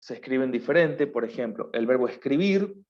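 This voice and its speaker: A man's voice: medium pitch, animated, brisk. Patient male teacher, dull lo-fi sound. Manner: explains patiently, often checks with a questioning "right?". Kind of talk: online class lecture.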